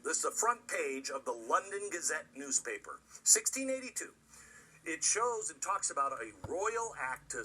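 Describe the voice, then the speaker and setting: An American man with a husky voice presenting opinionated commentary, emphatic and sarcastic, with dramatic pauses and rhetorical questions. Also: sits high, bright, forceful tone, distant mic, low-quality recording. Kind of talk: opinionated commentary to an audience, part scripted, part ad-libbed.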